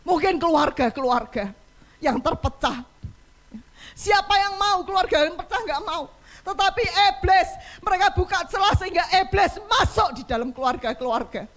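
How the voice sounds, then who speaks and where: A woman's voice: very high-pitched, lively intonation, normal speed, a bit bright. A woman pastor preaching a passionate sermon in church, acting out pleading cries for help. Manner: impassioned, acts out cries for help.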